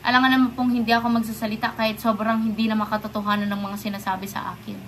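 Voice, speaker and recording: A young woman from the Philippines speaks straight to her viewers in a bright, forceful voice, pitched a little high. She stays polite but defiant, firing off pointed rhetorical questions. A faint hiss runs under her voice. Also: level tone, rapid-fire. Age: young adult. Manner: indignant, confrontational, many rhetorical questions. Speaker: vlogger. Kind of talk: direct-to-camera rant.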